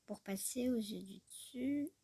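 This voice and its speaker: A woman's voice: fairly high pitch, measured pace, dark tone, husky, dry recording. A woman chatting casually through a tutorial, rambling, talking to herself and often dropping to a murmur. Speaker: YouTuber showing a tutorial. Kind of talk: casual screen-recorded tutorial chat.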